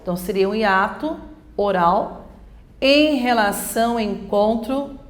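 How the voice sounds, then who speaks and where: A woman's voice: mid-range voice, expressive, measured pace, roomy sound. A woman teacher, teaching a grammar lesson for exam prep, explaining step by step and asking and answering her own questions.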